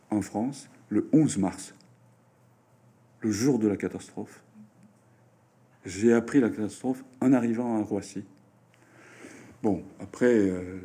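A very slow, halting speaker with a dark, mellow, fairly low and slightly rough voice responds to interview questions. He's a writer and French teacher from Japan whose native tongue is Japanese, and he leans heavily on fillers and restarts.

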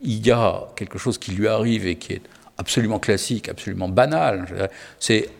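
Talking about books, a man with a fairly low, gravelly voice speaks unhurriedly and hesitantly, filling pauses and frequently restarting his sentences. A long reverb trails his words, suggesting a large room.

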